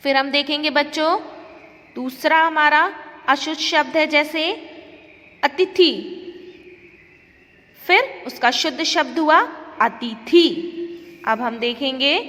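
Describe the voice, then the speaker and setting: A woman's voice: sits high, normal speed, bright, forceful tone, in a large hall. A woman school teacher giving an online class lesson, speaking carefully and repeating words for emphasis.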